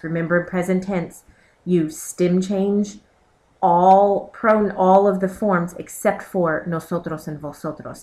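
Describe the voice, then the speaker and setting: Woman, teacher, slideshow voice-over; clear methodical explainer, lowish pitch. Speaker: Spanish teacher. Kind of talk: recorded slideshow lesson.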